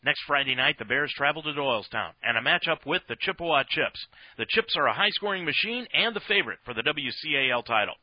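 This American man is calling football on the radio as a play-by-play host, using a sportscaster's commentary style. His voice sits a little high, moves with lively intonation, and comes fast, with no room sound and a slightly dull broadcast quality.

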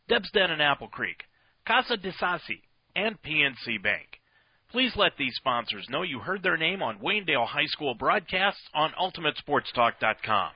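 A husky, medium-pitched American man hosts football play-by-play on the radio, delivering sportscaster-style commentary. There's no room sound, and the broadcast comes across slightly dull.

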